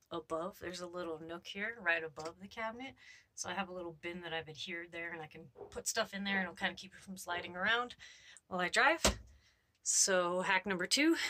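A woman talks casually and informally through a video tour. Her voice is crisp and very bright, set a little low. It sounds close and dry, as recorded inside a small trailer. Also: dry recording. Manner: informal, explanatory. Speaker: RV vlogger giving a tour.

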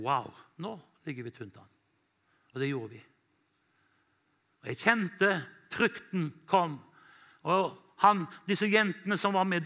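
A man from Norway, an evangelist, telling a story in a church sermon, animated and quoting himself and others. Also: fairly high pitch. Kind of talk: sermon testimony.

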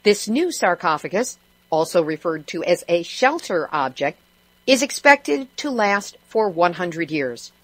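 A woman's voice: lowish voice, sing-song, measured pace, dry recording. A woman hosting a radio show who reads news items and adds sarcastic, wry asides. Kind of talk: news commentary.

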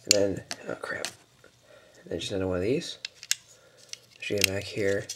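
A man giving casual step-by-step building instructions off camera, halting, with fillers and mild mutters. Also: low voice, steady tone, noisy background. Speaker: toy building tutorial maker. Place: indoors at a table.

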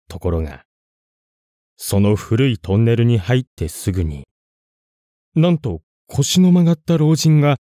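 A man narrating a scripted ghost story in a suspenseful, dramatic way, with deliberate pauses. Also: on the low side, darkish tone, no room sound, clean studio sound.

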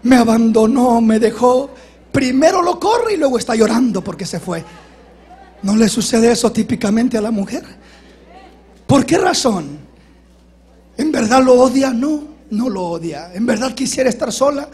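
A man's voice: extremely high pitch, big pitch swings, moderate pace, darkish tone, slightly rough. A man pastor giving an impassioned sermon and acting out the complaints he quotes.

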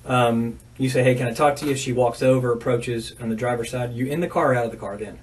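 A man's voice: medium pitch, fairly even intonation, quick pace. An American man questioning as a police detective, methodically repeating details back. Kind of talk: interrogation questioning. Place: small bare interview room, indoors. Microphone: distant room camera. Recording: distant, noisy surveillance recording.

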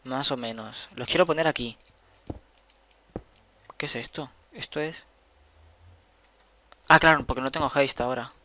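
A man's voice: medium pitch, unhurried, pauses often, pushed and bright. A young man, rambling casually to himself while commenting on his gameplay and swearing at the game now and then. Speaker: gaming channel host.

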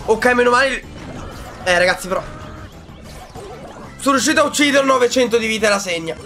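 A young man with a high, bright voice commenting on his own gameplay. He swings from excited shouts to quiet, self-mocking mutters. Music plays faintly behind him. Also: brisk, gravelly. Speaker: gaming YouTuber.

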